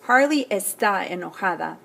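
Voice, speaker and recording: A woman teacher slowly explaining an assignment to students step by step, often checking in with "okay?". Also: medium pitch, lively intonation, creaky, a bit bright, slight background noise. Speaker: Spanish teacher. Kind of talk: recorded classroom lesson.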